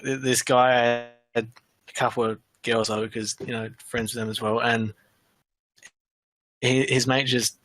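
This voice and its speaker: A man's voice: medium pitch, a bit bright, no echo. A young man chatting casually on a podcast, rambling through anecdotes about drunk friends. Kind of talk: casual chat.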